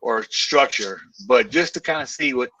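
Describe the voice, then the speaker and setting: A man's voice: mid-range voice, lively intonation, normal speed, pushed and bright, dry recording. A man co-hosting a casual chat, agreeing and chiming in with short comments. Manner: agreeable, chimes in. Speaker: co-host commentator. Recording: muffled, dry, distant from the mic.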